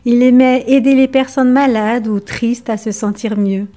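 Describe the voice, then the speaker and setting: A woman presenting a children's Bible lesson, reading a story in a steady, clear way. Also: on the high side, moderate pace.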